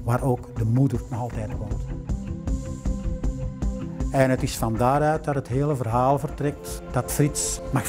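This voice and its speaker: In a library room, a Flemish-accented man in his fifties, a museum director, recounts a collector's history for a documentary interview. He speaks in a mid-range voice, unhurried and storytelling, dropping in the occasional "eh," and is recorded on a lapel mic.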